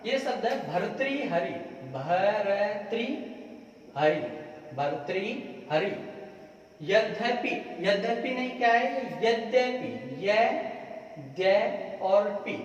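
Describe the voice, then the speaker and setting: A high-voiced man teaching a class, saying words again and again slowly and firing questions at the students. His voice sits back from the mic in a boomy room with a long reverb tail. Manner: drills spellings by repeating words slowly, quizzing the class. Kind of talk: classroom lecture. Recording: echoey room, voice from far off.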